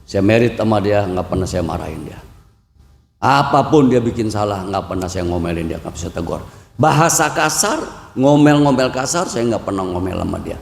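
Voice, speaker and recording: Betawi-accented male preacher, casual and comic, acts out home dialogue; gravelly voice, echoing hall with long reverb. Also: lowish voice, sing-song, normal speed. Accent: Jakarta Betawi. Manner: joking and bantering with the audience; acts out dialogue with his wife. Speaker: Buddhist preacher. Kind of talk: humorous dharma talk. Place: temple hall.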